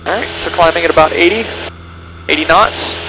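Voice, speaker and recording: A man's voice: a little high, a little fast. A man talking like a pilot over the radio, giving step-by-step instructional commentary from a small plane's cockpit through a headset. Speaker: pilot demonstrating pattern work. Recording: noisy aircraft cockpit headset radio audio. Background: engine drone and radio noise.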